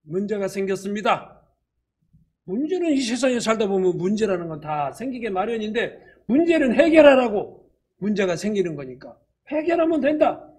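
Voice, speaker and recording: High-voiced, husky preaching man. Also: very animated, a little fast, darkish tone. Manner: emphatic, fires rhetorical questions at the congregation. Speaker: church elder preaching. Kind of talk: sermon.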